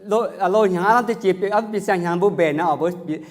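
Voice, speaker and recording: High-voiced man preaching slowly. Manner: halting, with many fillers and repeats, mixing in English words. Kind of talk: church sermon.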